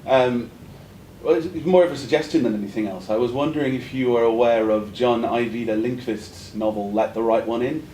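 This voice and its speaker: At a conference, a man in the audience poses an academic question in a polite, hesitant, discursive way. His voice is brisk and mellow, and the echoey room carries a faint rumbling noise.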